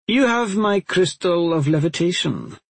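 A man voicing a stern, scornful older witch who speaks in a cold, imperious, impatient way, with a husky voice in a dry recording. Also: high voice, very animated, unhurried, dry recording, pitched above the performer's own voice, heavily acted.

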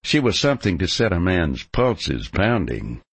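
Male narrator for western fiction: husky, gravelly, slow and measured, dramatic, with wide pitch movement. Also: sing-song, no room sound. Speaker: audiobook narrator. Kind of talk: scripted first-person western narration.

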